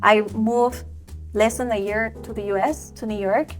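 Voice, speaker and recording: A woman from Ecuador, talking as an entrepreneur guest in an enthusiastic, animated way. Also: fairly high pitch, soft background music. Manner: enthusiastic, animated, quick bursts with restarts. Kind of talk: podcast interview.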